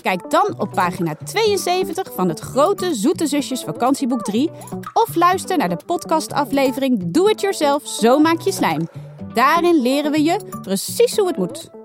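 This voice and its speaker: A woman reading a children's story aloud in a lively, expressive way. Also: high voice, normal speed, music in the background.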